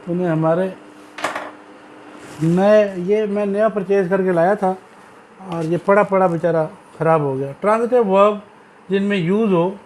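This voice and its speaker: A man with a Pakistani accent teaching an English grammar lesson, speaking slowly and repeating key words as he checks whether his students are following. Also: sits high, a little mellow, a little hiss or hum. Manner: slow, repetitive teaching with frequent "ji" checks; addresses students fondly, reads English text aloud.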